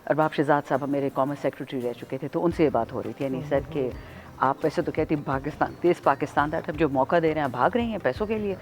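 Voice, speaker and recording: A woman from Pakistan, a politician, chatting as a guest in an interview, freely mixing Urdu and English in an animated, self-mocking way. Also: deep voice. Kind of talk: casual interview chat.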